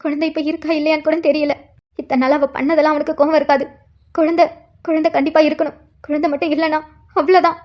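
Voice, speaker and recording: A woman's voice: sits high, level tone, fast talker, dull audio, natural voice. Woman voicing a tearful worried mother. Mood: anxious. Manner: anguished, pleading to god.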